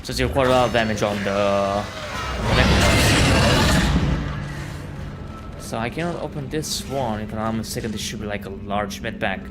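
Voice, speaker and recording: A man's voice: lowish voice, moderate pace, pauses often. A man streaming a game, thinking aloud in casual, rambling commentary. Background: loud game music.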